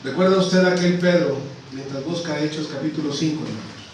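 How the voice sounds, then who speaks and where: A man preaching a sermon as a missionary. He keeps calling the congregation brothers and swings between loud emphatic peaks and low, hushed lines. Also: brisk. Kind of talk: Spanish-language church sermon. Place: church sanctuary. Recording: echoey church recording from far off, faint hiss.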